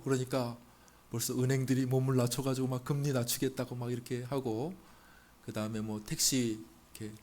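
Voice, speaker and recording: A male pastor delivering a sermon in a conversational style. He asks the congregation rhetorical questions and builds to loud, emphatic peaks. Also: medium pitch, slight background noise.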